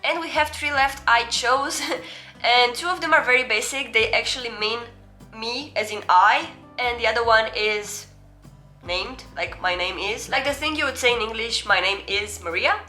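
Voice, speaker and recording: Faint music plays softly as a young video host from Romania, speaking with a Romanian accent, teaches a language in a chatty, self-deprecating way. Her fairly high voice has a sharp edge, and she slowly sounds out foreign example words between her explanations.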